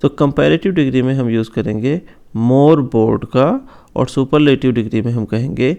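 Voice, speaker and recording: A man teaching English grammar in an online lesson, slowing down to stress each example word. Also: medium pitch, creaky, mellow, smooth, lo-fi sound. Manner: slow, careful stress on example words.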